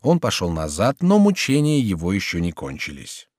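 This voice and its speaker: Expressive male audiobook narrator. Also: deep voice, moderate pace, dry recording. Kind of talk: scripted narration. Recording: dry studio booth.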